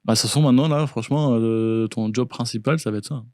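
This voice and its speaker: A man's voice: medium pitch, quick pace, darkish tone, no room sound. A man co-hosting a podcast in casual chat, upbeat and encouraging, full of tag words. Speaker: podcast co-host. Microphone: studio podcast mic. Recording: dry close podcast studio sound.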